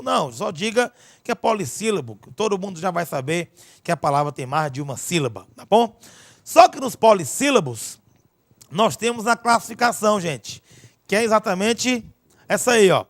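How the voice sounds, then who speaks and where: A man teaching a grammar lesson, lively and constantly checking in with his students. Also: high voice, dry recording. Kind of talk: recorded online lesson.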